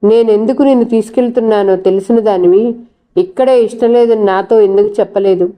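A young husband fights to hold back his fury, his voice cold and controlled in a read-aloud story, read by a woman. His tone is dark and mellow. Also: medium pitch, steady tone, fairly quick, natural voice. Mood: restrained anger. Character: angry young husband, barely holding back rage.

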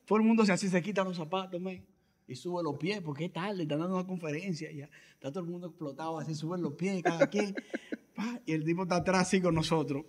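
A man with a fairly high voice tells a funny anecdote to friends on a casual podcast. He keeps laughing at his own story as he tells it. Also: quick pace, darkish tone. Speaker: podcast co-host.

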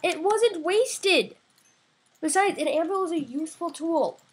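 High-voiced woman bantering over a game. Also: lively intonation, measured pace, slight background noise. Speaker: gaming video player. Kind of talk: casual gameplay banter.

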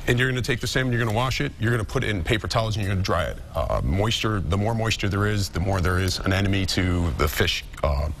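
Man in a chef's apron, halting and explaining. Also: lowish voice, animated, a bit bright, slight background noise. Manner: plain, halting explanations with many "uh" fillers. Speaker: chef and restaurant owner. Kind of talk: cooking demonstration on a TV show. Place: TV studio kitchen set.

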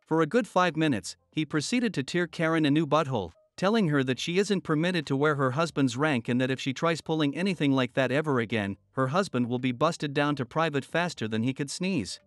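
A man's voice: a little high, a little fast, hardly any pauses, no room sound, soft background music. Dry-voiced man narrating stories. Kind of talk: scripted story narration.

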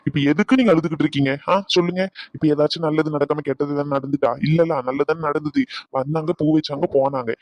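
A man's voice: a little high, steady tone, fast talker, a little mellow, no echo, dull audio, natural voice. A man voicing a firm village woman in a cartoon, who scolds bluntly and then reassures. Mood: scolding. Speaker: voice actor. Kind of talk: cartoon voice acting.

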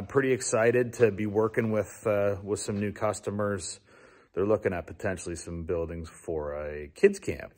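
A man's voice: lowish voice, darkish tone. A middle-aged man from Ontario, a builder chatting casually and easily as he walks through a small wooden building under construction. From Ontario, Canada. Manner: chatty, easygoing, with filler restarts. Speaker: builder and small business owner. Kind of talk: casual walking tour vlog.

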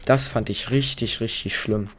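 A man's voice: lowish voice, fairly even intonation, normal speed, fairly bright tone, soft background music. A young man hosting a let's play, telling a story in casual, rambling, slang-heavy chat. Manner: slangy, rambling, chatty with many fillers. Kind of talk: casual gaming commentary while storytelling.

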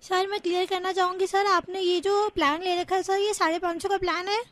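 A woman's voice: very high voice, level tone, brisk, a bit bright, no echo. A woman posing as a phone company agent on a prank call, overly polite and formal, calling the listener sir over and over.

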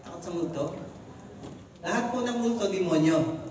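High-voiced preacher in an echoey hall. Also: male voice, moderate pace, heavy background noise. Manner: animated preaching, switching between Tagalog and English. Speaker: pastor. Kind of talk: sermon. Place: church hall. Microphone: recorded from the congregation. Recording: echoey hall, far from mic.

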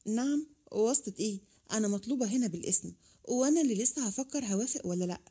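A woman's voice: on the high side, quick pace, warm tone, husky. A woman with an Egyptian accent voicing a confident young professional woman, cool and self-assured. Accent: Egyptian Arabic.

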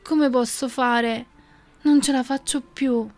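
Una madre povera e disperata, a cui una narratrice dà voce, con un tono acuto e implorante. Ha un'aria affannata e supplica con insistenza, e sotto si sente una musica tenue. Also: female voice, moderate pace, music in the background, lightly acted. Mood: desperate. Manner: high, breathless, imploring. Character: desperate poor mother of ten, pleading.

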